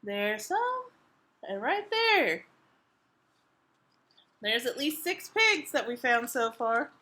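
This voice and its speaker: With a somewhat high voice, a woman leading storytime as a children's librarian reads expressively from a picture book to toddlers. She pauses now and then to ask them questions.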